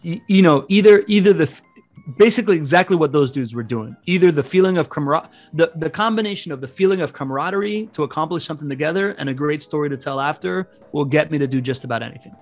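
A man in his thirties from a Venezuelan family, raised outside Venezuela, appears as a podcast guest. His fairly high voice is animated and quick as he tells rambling stories full of restarts, with faint music behind.

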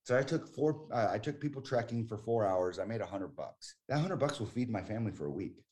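Brisk and animated, this American guest in his forties talks casually and emphatically, often starting over mid-thought. He has a lowish voice with a somewhat dark tone.

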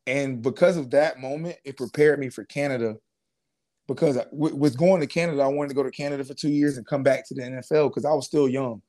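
A laid-back young man, a former pro football player appearing as a guest, tells his story in a casual interview. His mid-range voice is fast, and he talks in relaxed slang with many fillers and restarts.

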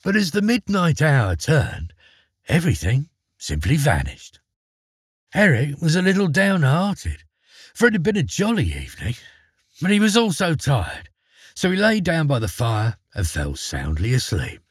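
A man narrating a fairy tale in an expressive, dramatic way. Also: fairly high pitch, measured pace, slightly rough, no room sound, clean studio sound. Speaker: storyteller.

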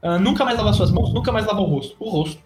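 A man's voice: sits high, very fast, loud music behind the voice. A Brazilian man hosting a casual podcast chat, reading out would-you-rather choices and laughing easily. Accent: Brazilian Portuguese. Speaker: podcast host. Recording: roomy echo.

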